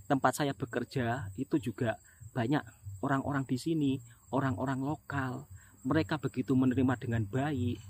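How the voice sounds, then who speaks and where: A man's voice: mid-range voice, slight background noise. A middle-aged man from Indonesia, a migrant laborer and vlogger, talking earnestly to his viewers and often calling them his friends. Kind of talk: casual monologue to viewers.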